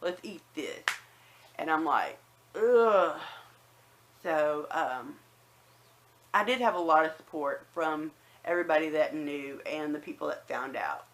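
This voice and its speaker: A woman's voice: deep voice, unhurried, fairly bright tone, slight background noise. A woman telling a personal story casually to viewers, with a slight whistle on some words and a habit of acting out remembered remarks. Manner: conversational, acts out remembered remarks. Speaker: personal vlogger.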